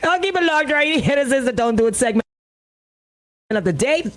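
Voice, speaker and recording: High-pitched and speaking at normal speed, this radio co-host with a Bahamian accent keeps things casual while staying animated, emphatic and full of opinions.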